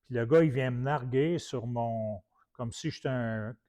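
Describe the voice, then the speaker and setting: Slightly slow and mellow, with a medium pitch, the voice belongs to a Quebec man with a Québécois French accent. He preaches through colloquial storytelling, an anecdotal teaching style full of restarts.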